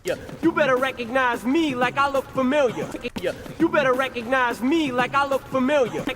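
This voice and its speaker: Cocky male battle rapper, high-pitched, slow taunting delivery. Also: a bit bright, a little hiss or hum, exaggerated voice. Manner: rapping a taunting line. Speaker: rapper in a film clip.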